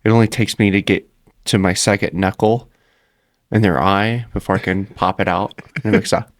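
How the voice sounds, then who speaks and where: A man co-hosting a podcast, chatting casually and throwing in deadpan jokes. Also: fairly low pitch, normal speed, dry recording.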